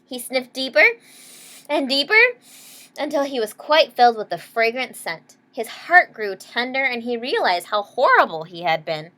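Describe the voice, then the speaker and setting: A woman reading a children's picture book aloud expressively, pausing to explain words and ask young listeners questions. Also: a little high, animated, pushed and bright. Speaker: read-aloud storyteller. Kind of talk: expressive children's story narration.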